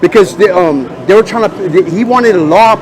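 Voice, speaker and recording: A man's voice: high-pitched, normal speed, crowd noise. A man interviewing a stranger on the street in casual talk, pressing with questions and dropping in Spanish phrases.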